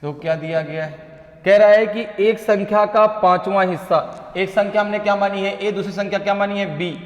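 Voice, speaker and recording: A man teaching a math class, reading problems out slowly and often asking the class questions. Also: sits high, steady tone, reverberant, long reverb tail. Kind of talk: classroom lecture.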